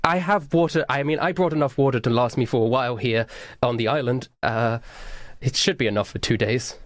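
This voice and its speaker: A man's voice: mid-range voice, fairly quick, no room sound, lightly acted. A man voicing a guarded young woman with a cursed power, speaking hesitantly in a tabletop game. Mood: flustered.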